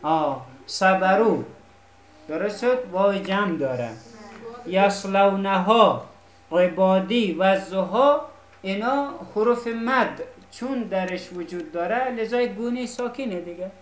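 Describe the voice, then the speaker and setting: A woman teaching a class, patiently explaining and often asking if the students follow. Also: mid-range voice. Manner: patient, keeps checking students understand. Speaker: Arabic teacher. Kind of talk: classroom lesson. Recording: echoey classroom.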